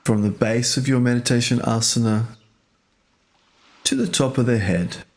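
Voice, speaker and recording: Guiding a meditation, a man speaks softly and slowly as a teacher, in brief phrases broken by pauses. His pitch is medium.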